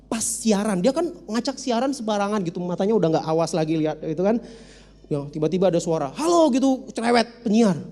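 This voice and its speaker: A motivational speaker gives a humorous storytelling seminar talk, addressing his audience directly. His voice is high, quick and warm, echoing in a reverberant hall.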